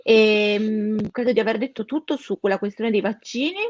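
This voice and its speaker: A woman explains practical news in an informal, emphatic way, leaning on the important words. Her voice sits at a medium pitch. The recording is close and dry, a little lo-fi. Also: normal speed, darkish tone, dry recording. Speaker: co-host giving travel news updates.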